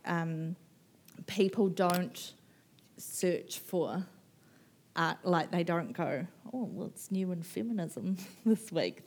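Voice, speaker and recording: A woman's voice: fairly low pitch, a little mellow. A woman author in her thirties from New Zealand, talking animatedly and rambling at a live festival conversation, laughing and mimicking people. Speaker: author guest.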